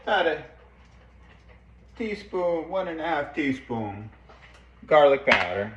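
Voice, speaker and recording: A man cooking at home in his kitchen, talking through a recipe in a chatty, halting way with playful mock-Italian phrasing. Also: a little high, very animated, roomy sound, dull audio, background noise. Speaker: home cook. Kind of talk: casual cooking demonstration.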